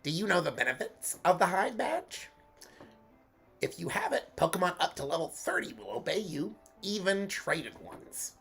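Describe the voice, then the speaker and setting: A man's voice: high voice, big pitch swings, normal speed, creaky, fairly bright tone, husky, soft background music, voice pushed up, exaggerated voice. A congested man voicing a boy gym leader in a cartoon rabbit drawl from a video game, calling the player "Doc". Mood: smug, cheery. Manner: Bugs Bunny-style cartoon voice, calls everyone Doc.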